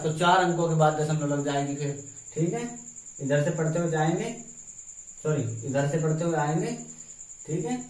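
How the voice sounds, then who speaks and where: A man's voice: a little high, a little mellow. A man teaching exam-prep math step by step, often checking in with his students. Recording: echoey room, mic far off.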